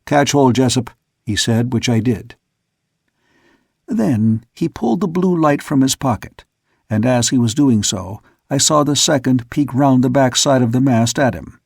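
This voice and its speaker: A male audiobook narrator telling the story at a steady, measured pace. His voice is gravelly and husky, set in a dry recording with no room echo. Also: medium pitch. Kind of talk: scripted narration.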